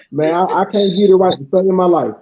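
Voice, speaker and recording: A man's voice: high-pitched, darkish tone. A man leading a casual group call, laughing easily, his voice muffled and tinny like a drive-through speaker. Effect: muffled, tinny mic like a drive-through speaker. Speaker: discussion facilitator.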